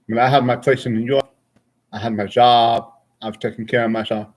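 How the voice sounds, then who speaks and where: A man's voice: mid-range voice, level tone, a little fast. A man of forty chatting casually and frankly with his stream viewers, rambling from thought to thought. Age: 40s.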